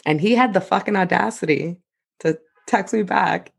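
A young woman co-hosting a podcast, telling animated stories and swearing freely in casual chat. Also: on the low side, moderate pace, vocal fry, breathy edge. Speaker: podcast co-host.

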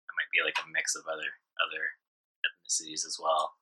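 A man from Hawaii being interviewed, talking in a relaxed, rambling way with lots of fillers. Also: a bass voice, fast, breathy edge, rough recording. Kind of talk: casual interview conversation.

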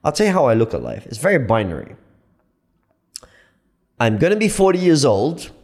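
A man in his late thirties arguing his point in a casual podcast chat, emphatic and animated, often repeating himself. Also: medium pitch, normal speed. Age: 30s. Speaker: podcast guest.

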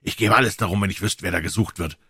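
A man's voice: fairly low pitch, fast talker, gravelly, pushed and bright, husky, no echo, clean studio sound, full character voice. A man reading aloud, voicing a scruffy, superstitious boy who tells tales anxiously in a storybook. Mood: earnest.

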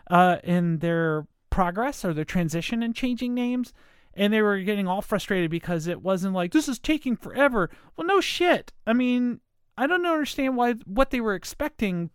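An American woman talks off the cuff with dental aligners in, which slightly get in the way of her words. Her voice is mid-pitched and clear-toned, in a very dry recording. She rambles and circles back in an emphatic, apologetic, casual way. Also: no room sound. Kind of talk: casual unscripted monologue.

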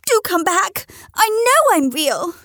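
Storybook role: timid little male toy rabbit, earnest and pleading, a woman reader voicing him, lively high pitch. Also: takes it slowly, no echo, clean studio sound, exaggerated voice.

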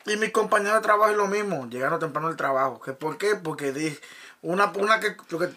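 High, bright man giving earnest testimony. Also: animated, fast. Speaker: church member sharing testimony. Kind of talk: conversational testimony.

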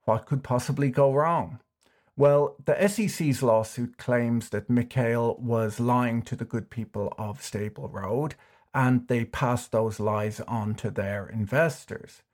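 A man hosting a scripted finance explainer, delivering it with dry, wry deadpan humor. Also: mid-range voice, slow. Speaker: YouTube finance commentator.

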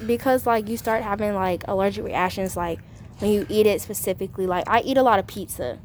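A young woman guesting on a podcast, chatting freely and peppering her talk with "like". Her pitch sits in an ordinary middle range, with a faint hiss in the background. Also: fairly quick, a little mellow. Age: young adult. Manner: chatty, fills speech with "like". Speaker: guest, college student. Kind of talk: casual chat.

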